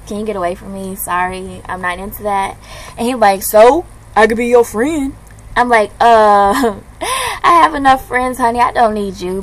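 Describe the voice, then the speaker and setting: Twenties woman ranting on her vlog, slangy and animated, voice kinda high. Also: low-quality recording. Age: 20s. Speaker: vlogger. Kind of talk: casual chat.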